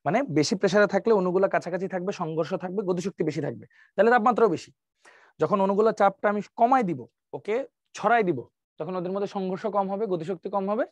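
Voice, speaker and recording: Male teacher, high voice, dry close sound, explains step by step with his own questions. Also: darkish tone, no echo. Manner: mixes English terms into colloquial Bengali. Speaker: chemistry teacher. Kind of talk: admission-exam chemistry lecture.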